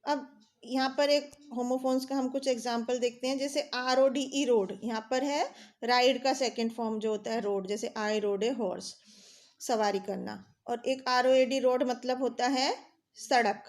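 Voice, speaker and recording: Woman, Indian accent, English teacher, fairly high voice, spells words letter by letter. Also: steady tone, a little slow. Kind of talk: vocabulary lesson in Hindi.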